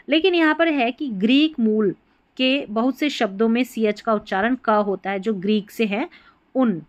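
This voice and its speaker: A patient woman teacher with a slightly high voice explains a lesson step by step. She repeats words and spells letters out slowly. The sound is close and dry. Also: no room sound. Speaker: English teacher. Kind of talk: spoken classroom lesson.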